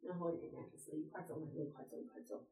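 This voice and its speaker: A woman's voice: sits low, little pitch movement, rapid-fire, warm tone, roomy sound, poor audio. A woman in her fifties telling a story in casual chat, chatty and emphatic with frequent exclamations. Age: 50s.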